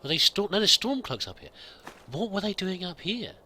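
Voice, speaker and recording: A high, very animated male voice at normal speed carries a sharp tone, with a little hiss or hum in the background. He's a let's play gamer in the role of a pilgrim, thinking aloud through in-character commentary, musing and hesitant, with many restarts.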